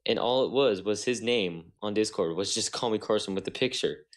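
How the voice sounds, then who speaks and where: Telling a story at a normal speed, a young podcast co-host chats casually in a slightly low voice. He tends to ramble, frequently restarting sentences and returning again and again to what he was trying to say.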